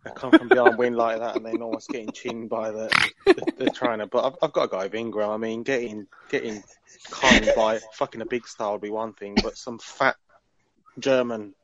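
A man's voice: on the low side, steady tone, moderate pace. A man in a casual group chat, swearing and stumbling over the starts of sentences. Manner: swearing, repeats words while starting. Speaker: podcast panelist. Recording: dull mic with clear background noise.

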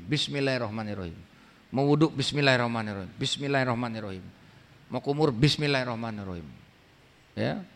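A man giving a colloquial, emphatic religious talk, his pitch swinging up sharply for emphasis. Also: vocal fry. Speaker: preacher. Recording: long hall reverb.

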